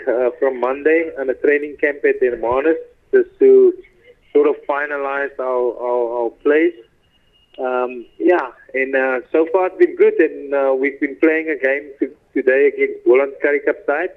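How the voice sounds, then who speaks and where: Man on a tinny phone. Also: medium pitch. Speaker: rugby coach phoning in. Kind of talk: casual phone interview. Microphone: telephone.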